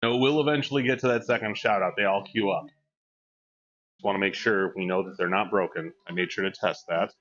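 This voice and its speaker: Over a dull lo-fi mic, a man in his forties talks casually on a live stream, joking and reading out the chat. His voice is low-pitched and fairly bright, at a moderate pace.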